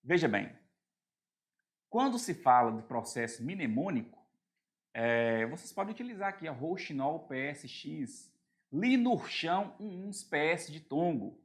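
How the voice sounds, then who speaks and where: A man's voice: fairly high pitch, very animated, measured pace. A man with a Brazilian Portuguese accent teaching an exam-prep grammar lesson, who spells out letters and endings and keeps checking in with his students. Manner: keeps checking in with the class using short tag questions.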